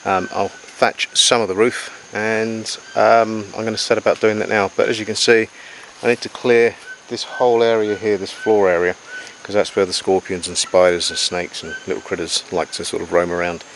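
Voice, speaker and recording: Male outdoor jungle vlogger, lowish pitch, matter-of-fact and unscripted, talking to camera over faint cricket and insect ambience. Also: flat delivery, normal speed, a little hiss or hum, low-quality recording. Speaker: survival diarist presenting to camera. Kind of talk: outdoor vlog, casual explaining to camera. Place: outdoors in jungle beside a river.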